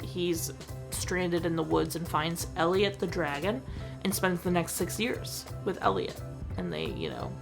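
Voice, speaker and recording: A woman's voice: lowish voice, very animated, a little slow, vocal fry, music in the background. A woman hosting her own show, giving a chatty, enthusiastic movie review full of "like.". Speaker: host.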